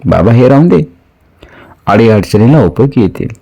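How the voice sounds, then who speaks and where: A man voicing a gentle, humble king who speaks softly and respectfully in a spoken storybook. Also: mid-range voice, lively intonation, vocal fry. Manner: soft, respectful and measured. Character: gentle, humble king consoling a grieving family.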